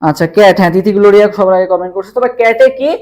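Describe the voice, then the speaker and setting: A man's voice: sits high, racing, darkish tone. A man teaching a live online exam-prep class, who asks questions, answers them himself and repeats key terms again and again. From Bangladesh.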